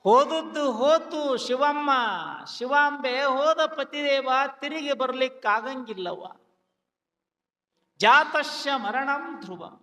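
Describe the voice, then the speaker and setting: A man's voice: very high voice, slow pace, bright, forceful tone, distant mic, full character voice. A man as a soothing motherly consoler. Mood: consoling. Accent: North Karnataka Kannada. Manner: soothing, preaching with proverbs. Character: calm motherly woman consoling a widow. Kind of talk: folk drama recitation. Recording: long hall reverb.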